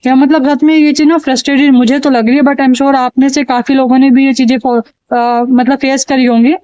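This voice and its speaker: Woman vlogger, high voice, fed-up chatty rant, dry slightly dull recording. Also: flat delivery, a little fast, warm tone, smooth, dry recording. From India. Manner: exasperated, chatty, repeats phrases for emphasis. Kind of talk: casual ranting vlog to camera.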